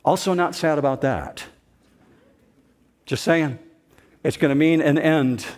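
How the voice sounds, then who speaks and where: Slow, emphatic male pastor preaching. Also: fairly high pitch, a little mellow. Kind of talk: sermon.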